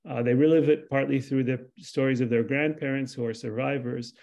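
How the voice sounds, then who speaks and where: A man in his sixties from Lebanon, a translator speaking thoughtfully on a video call panel, with many pauses and restarts. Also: medium pitch, fairly even intonation, creaky, a little mellow. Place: home room with framed pictures. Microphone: video call webcam.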